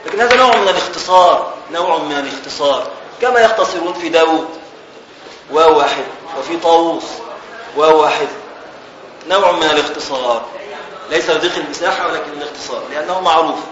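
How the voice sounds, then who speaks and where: A man's voice: fairly high pitch, quick pace, a bit bright, roomy sound, muffled recording. A man with an Egyptian Arabic accent teaching a classical religious text. He reads passages, then explains them in colloquial speech and repeats his key phrases.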